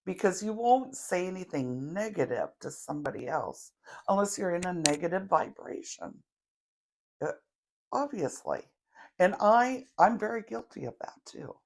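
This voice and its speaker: A middle-aged woman leading a grounding meditation in a slow, chatty way, with self-deprecating asides and the odd cough. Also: lowish voice, very animated, gravelly, darkish tone. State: coughing now and then. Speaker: tarot reader leading a guided meditation.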